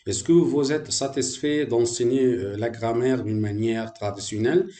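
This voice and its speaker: A man's voice: mid-range voice, moderate pace, warm tone, roomy sound. A man from Egypt, a French language teacher, gives a hesitant talk to fellow teachers with many fillers and restarts.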